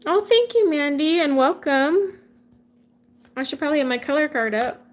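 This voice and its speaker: A woman's voice: high voice, animated, moderate pace. A woman, chatting casually with viewers on a livestream and answering their comments. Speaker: livestream host coloring with viewers. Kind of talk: casual chat while coloring.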